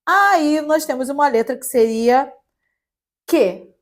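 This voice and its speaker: A young Brazilian woman giving a casual online German lesson, spelling letters out slowly and adding light jokes. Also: sits high, lively intonation. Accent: Brazilian Portuguese. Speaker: German teacher.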